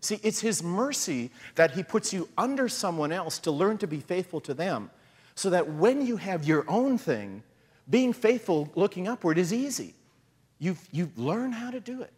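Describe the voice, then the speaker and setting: A middle-aged man preaching a sermon in a lively, conversational way, acting out the voices he quotes. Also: sits high, moderate pace, husky. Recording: long hall reverb.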